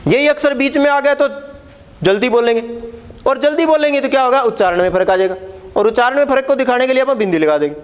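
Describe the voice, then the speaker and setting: A man's voice: extremely high pitch, fast talker, clean tone. A man teaching Hindi letters at a board, explaining patiently, repeating key words and putting questions to the class.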